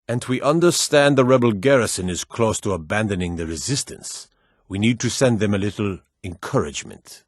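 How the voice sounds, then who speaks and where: Here the same gruff officer briefs the player with more expression and a fairly quick delivery, still low, a bit rough, and all business. The sound stays dry and close, with no room sound at all.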